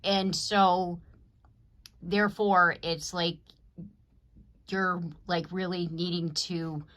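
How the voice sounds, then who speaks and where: Low-pitched woman, tarot reader, casual and rambling, talks straight to her viewers. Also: little pitch movement, slow pace, a bit bright. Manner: rambling, conversational, frequent "you know what I mean". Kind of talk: casual collective tarot reading to camera.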